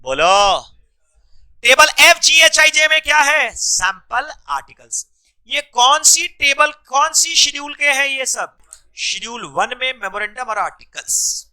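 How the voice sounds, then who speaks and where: A man teaching a class, drilling students with quick repeated questions and mixing English terms into his Hindi. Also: extremely high pitch, animated, sharp tone. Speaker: commerce law teacher. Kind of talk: classroom lecture.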